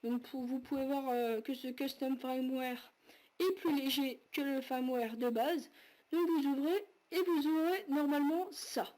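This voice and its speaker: A woman hosting a casual tech tutorial, talking viewers through each step in a chatty way with lots of fillers and quick self-corrections. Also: sits high, steady tone, warm tone. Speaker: tutorial host.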